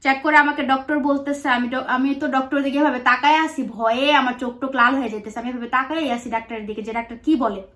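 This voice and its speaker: A woman's voice: sits high, fairly even intonation, fast, hardly any pauses, fairly bright tone. A young woman vlogger telling a personal story to her viewers in a chatty way, full of fillers, quoting others in her own voice. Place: home, lives abroad.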